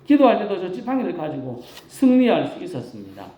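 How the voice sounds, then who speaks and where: A man's voice: high-pitched, wildly swooping pitch, fast, echoey room, lo-fi sound. A man with a Gyeongsang accent, a rural pastor preaching a Sunday sermon in a folksy, emphatic way with self-deprecating humor.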